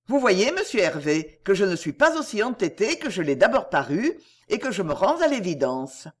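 A woman reading the lines of a gracious, gently formal elderly aunt in an audiobook. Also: medium pitch, very animated. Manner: courteous, measured.

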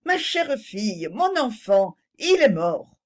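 A woman reading the part of an excitable, tender aristocratic lady in a storybook, in an emotional, pleading manner. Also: on the high side, takes it slowly, exaggerated voice.

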